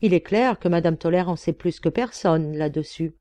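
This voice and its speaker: A woman reading a sharp, commanding male detective who gives orders crisply. Her voice is mellow and the recording is dry and close. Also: on the low side, normal speed, no echo, lightly acted. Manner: crisp, decisive, giving orders.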